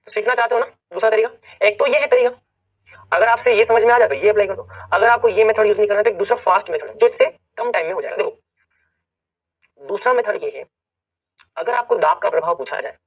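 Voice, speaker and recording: A man's voice: high voice, distant mic, rough recording. A man teaching a chemistry lesson who speaks, mixing English science terms into his talk, repeating key points and often checking that students are following. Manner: says words one by one slowly to stress a rule. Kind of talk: classroom lecture to students.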